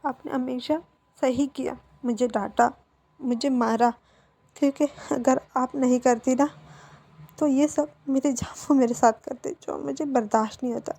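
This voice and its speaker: A woman's voice: sits high, steady tone, a little slow, creaky, warm tone, full character voice. A woman voicing a remorseful young man who begs his mother's forgiveness, tearful and stammering. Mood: soft.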